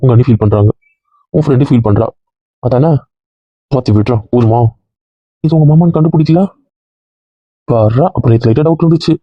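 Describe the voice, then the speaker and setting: A man's voice: medium pitch, creaky, no room sound, dull audio. A man in a casual comedy skit, teasing and mock-threatening the others in a bossy way.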